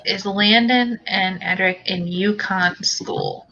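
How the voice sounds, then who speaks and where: A woman's voice: mid-range voice, slow pace, bright, forceful tone, lo-fi sound, slight background noise. Woman host reading viewer questions. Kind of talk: hosting a live talk stream.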